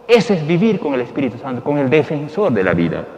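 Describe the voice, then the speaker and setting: A male priest gives a folksy homily at Mass, asking the congregation questions and swinging between soft and loud. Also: on the high side, huge pitch swings, quick pace, highs cut off. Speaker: Dominican priest. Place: church. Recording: long reverb in a large hall.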